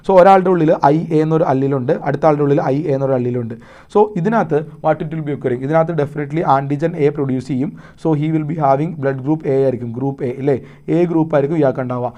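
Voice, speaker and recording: Emphatic coaching teacher, mellow voice. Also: male voice, fairly high pitch. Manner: mixes Malayalam and English, repeats checks like "are you understanding"; emphatic, drills key points with repetition. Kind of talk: live online lesson.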